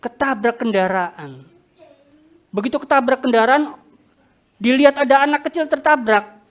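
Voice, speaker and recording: A woman preacher telling a story in a sermon, animated and talking straight to the congregation. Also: high voice, normal speed. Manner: animated, addresses congregation directly.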